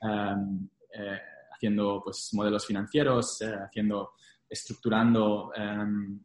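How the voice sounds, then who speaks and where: Echoey, low-voiced young man speaking Spanglish. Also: level tone, takes it slowly, darkish tone. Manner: Spanglish, mixing English business terms into Spanish. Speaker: interview guest, former investment banking analyst. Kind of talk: casual interview, telling career experience. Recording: echoey room.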